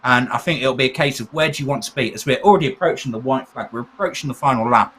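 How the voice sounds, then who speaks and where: Chatty co-commentator, noisy background. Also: male voice, fast, a bit bright. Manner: chatty, chuckling, rising in pitch at close moments. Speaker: race co-commentator. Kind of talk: live motorsport colour commentary. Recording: commentary with clear background noise.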